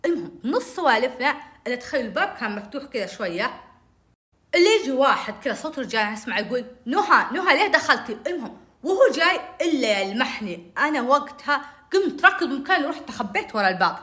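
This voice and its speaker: A woman tells a personal story at a breakneck pace. Her voice is high and bright, with a pitch that swoops widely. She acts out each line of dialogue as she narrates. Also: big pitch swings, quick pace.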